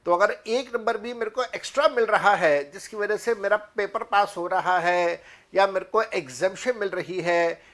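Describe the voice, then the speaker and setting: A man with an Indian accent giving an exam prep lecture on tax, mixing Hindi and English. He reads legal text out slowly and fills pauses with hesitant sounds. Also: sits high, a bit bright. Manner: mixes Hindi and English, many filler pauses.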